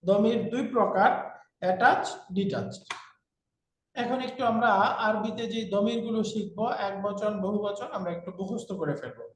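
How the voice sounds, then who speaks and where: A man's voice: sits high, normal speed, slight background noise. A man teaching an online language class, drilling vocabulary with a repeated chanting rhythm over a video call. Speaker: Arabic teacher. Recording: echoey room sound.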